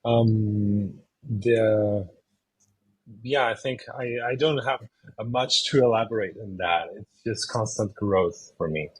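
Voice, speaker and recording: Man, thirties, from Chile, husky voice, hesitant interview guest. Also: lowish voice, slow pace, low-quality recording. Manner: hesitant, many fillers and restarts. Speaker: interview guest, video game designer. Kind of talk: casual interview answers.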